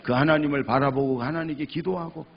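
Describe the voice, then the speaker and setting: Gravelly-voiced man preaching with fervor. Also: fairly high pitch, steady tone, a little fast, dull audio. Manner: impassioned, swings between loud cries and hushed speech; emphatic repetition of phrases. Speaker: pastor. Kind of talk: sermon.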